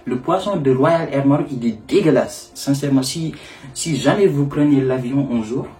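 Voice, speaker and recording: A young man from Senegal telling a personal story to camera in a casual, animated way. He laughs often and acts out the people he met. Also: medium pitch, moderate pace, faint music behind. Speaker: vlogger.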